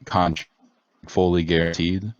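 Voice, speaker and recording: A man's voice: deep voice, little pitch movement, a little slow. A man co-hosting a casual sports chat over an online call, his voice breaking up and turning robotic from a bad connection, hesitant and full of restarts. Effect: glitchy, robotic breakup from a bad internet call. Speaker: podcast co-host. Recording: dull lo-fi online call audio.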